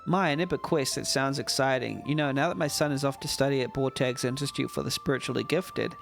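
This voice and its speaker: A man's voice: medium pitch, fairly quick, creaky, soft background music, natural voice. A man reading aloud the lines of a friendly former adventurer mother from a game.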